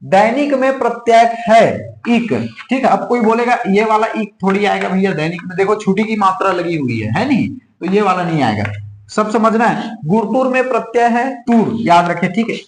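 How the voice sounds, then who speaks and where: Man teaching exam prep, high voice, repeats every point, echoey room. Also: expressive, normal speed, a little hiss or hum. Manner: repetitive, drills points with frequent "theek hai". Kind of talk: online exam-prep lesson.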